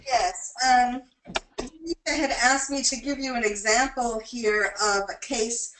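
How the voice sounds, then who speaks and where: A woman moderating a webinar, brisk and quick to laugh. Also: on the high side, steady tone. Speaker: webinar facilitator. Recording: roomy, distant call audio with faint hiss.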